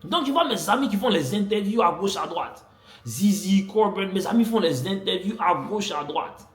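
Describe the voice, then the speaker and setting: Animated young man in an echoey room. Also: high voice, normal speed. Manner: animated, repetitive, swings loud and soft. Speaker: vlogger telling a story. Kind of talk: casual storytime.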